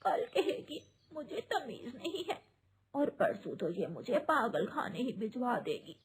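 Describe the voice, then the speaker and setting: A woman's voice: a little high, big pitch swings, a little slow, a crowd in the background. A woman voicing a harsh, bossy old mother-in-law bird in a cartoon, sneering and cutting as she scolds. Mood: scornful.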